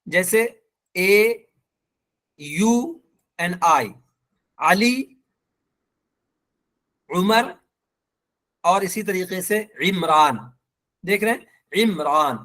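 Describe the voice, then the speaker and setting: A man teaching an online language lesson with a Pakistani accent, patient and repeating each example slowly. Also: high voice, a bit bright. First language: Urdu.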